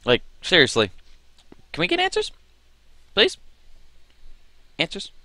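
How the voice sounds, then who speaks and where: A man's voice: high-pitched, wildly swooping pitch, measured pace, pushed and bright, dry recording. A young man giving casual gameplay commentary into a close microphone, bewildered, repeating and questioning what he hears. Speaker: let's play commentator. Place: small room indoors. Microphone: desk microphone close by.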